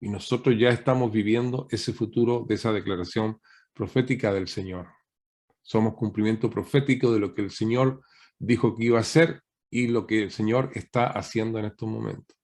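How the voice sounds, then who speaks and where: A man's voice: lowish voice, fairly even intonation, moderate pace, a little mellow. A man, a guest pastor, preaching a teaching sermon over a video call, asking rhetorical questions and often ending points with a questioning tag.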